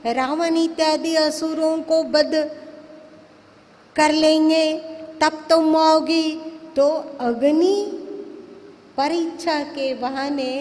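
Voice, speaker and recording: A woman acting out a divine king who calmly and patiently explains a hidden plan to his younger brother, in a long hall reverb. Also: high-pitched. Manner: soothing, explanatory.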